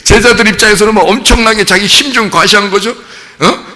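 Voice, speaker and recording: A male pastor preaching a sermon in a lively, animated way, acting out the voices of the people he quotes and laughing often. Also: sits high, brisk, big-room sound.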